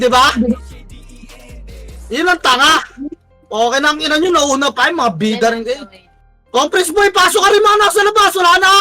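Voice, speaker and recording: A Filipino man calling commands to his team during an online game, barking quick orders and swearing often. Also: very high voice, pushed and bright. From Philippines. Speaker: team shotcaller. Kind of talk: live game commentary and team calls.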